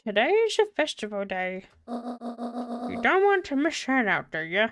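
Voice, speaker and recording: A woman voicing a kindly, wise grandmother who gives soft, measured advice. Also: on the high side, sing-song, no echo, studio quality, faint music behind. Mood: coaxing.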